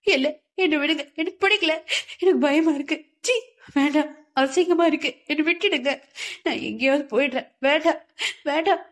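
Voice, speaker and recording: A woman's voice: sits high, normal speed, fairly bright tone, pitched above the performer's own voice. A woman voicing a terrified young woman who pleads and sobs through a nightmare in an audiobook. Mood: terrified pleading. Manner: pleading, sobbing, frantic.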